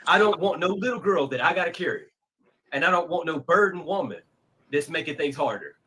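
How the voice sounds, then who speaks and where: Husky man in his thirties, earnest. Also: a little high, animated, fairly quick, fairly bright tone. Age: 30s. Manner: earnest, lecturing about what he wants. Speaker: panelist in a played clip.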